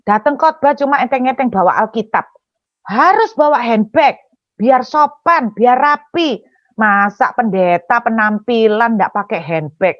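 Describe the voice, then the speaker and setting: A woman's voice: fairly high pitch, expressive, measured pace, no echo, muffled recording. A woman preacher voicing a bossy older auntie from church who scolds and lectures her in a sermon story. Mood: scolding.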